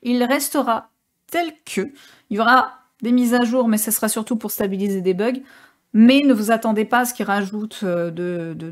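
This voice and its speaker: A woman gaming streamer giving casual gameplay commentary, chatty and joking with many hesitations. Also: medium pitch.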